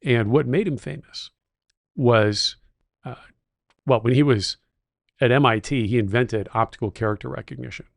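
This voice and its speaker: A middle-aged man co-hosting a podcast, with a gravelly, fry-edged voice. He speaks at an ordinary pitch and tells stories with keen enthusiasm, and the sound is dry and close with no room echo. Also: normal speed, pauses often. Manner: enthusiastic storyteller, techno-utopian. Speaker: podcast co-host. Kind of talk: casual chat.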